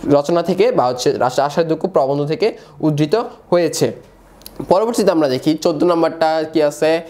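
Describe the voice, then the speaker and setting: A man's voice: a little high, darkish tone. A young man tutoring in an online class, asking rhetorical questions, repeating each answer and addressing students as brother. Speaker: exam prep tutor.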